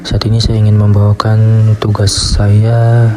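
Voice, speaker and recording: A young man presents a class report, reading steadily from his script in a low voice. He keeps an even, monotone delivery. A loud hiss runs under the whole recording. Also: measured pace. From Indonesia. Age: young adult. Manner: steady, reads from a script in a flat tone. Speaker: student.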